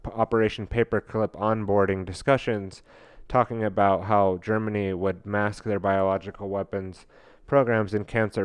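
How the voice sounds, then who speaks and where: A man's voice: mid-range voice, clear, resonant tone, no room sound. A man hosting a podcast, reading a book passage aloud and commenting on it, often stumbling with fillers and restarts. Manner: halting, many fillers and restarts while reading. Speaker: podcast host.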